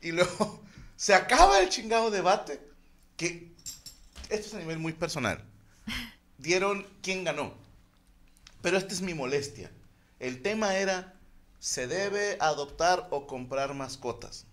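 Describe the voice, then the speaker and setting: A man's voice: sits high, expressive, a little slow, pauses often, a bit bright. A man with a Mexican Spanish accent, co-hosting a podcast, telling a profane, laughing story in casual chat among friends. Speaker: podcast co-host.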